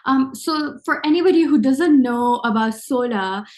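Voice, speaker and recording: A young woman with a fairly high voice hosts an interview. She sounds enthusiastic, reading prepared lines and filling gaps with ums as she introduces her guest. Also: normal speed, darkish tone. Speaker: interview host. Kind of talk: hosted interview.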